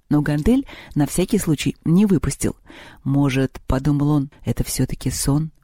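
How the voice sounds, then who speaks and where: A man narrating a children's story as an audiobook with lively, expressive storytelling. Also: high-pitched, dry recording, studio quality.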